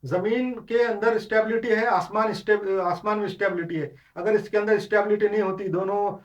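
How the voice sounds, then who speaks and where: A man's voice: sits high, fairly even intonation, a little fast, recorded from a distance, dull audio. A man giving an unscripted Islamic lecture, explaining points step by step with many English words and frequent restarts. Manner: explanatory, mixes English terms into Hindustani; frequent restarts and filler sounds. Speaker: Islamic teacher.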